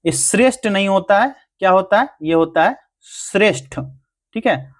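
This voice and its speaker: A man with a somewhat high voice teaches a grammar lesson for exam preparation. He works through each answer step by step. He poses questions and answers them himself. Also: expressive, moderate pace.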